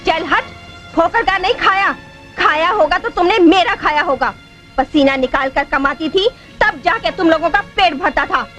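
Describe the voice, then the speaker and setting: A woman's voice: very high voice, moderate pace, fairly bright tone, soft background music. An actress playing a devoted young woman who pleads tearfully and defiantly in film dialogue.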